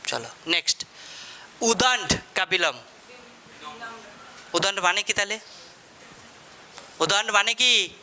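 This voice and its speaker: A man with a Bengali accent teaches a class, firing questions at his students and repeating their answers back to them. His voice sits high and rings very bright. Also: takes it slowly, pauses often, slight background noise. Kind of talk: classroom lesson.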